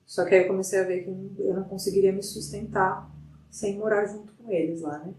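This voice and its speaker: A middle-aged woman, a psychologist guest, telling a story in a lively way with many restarts. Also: medium pitch, brisk, recorded from a distance, background noise. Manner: animated retelling with frequent restarts. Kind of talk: conversational storytelling in an interview. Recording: roomy sound from off the mic.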